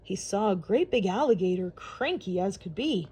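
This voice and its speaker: A woman reading a rhyming picture book aloud for children, with a steady storytelling rhythm. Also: mid-range voice, moderate pace, slightly rough. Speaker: storybook reader.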